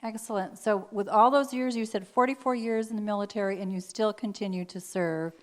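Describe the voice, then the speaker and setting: A woman's voice: mid-range voice, a little fast. A woman hosting a show and interviewing a guest, asking questions in an earnest, appreciative way.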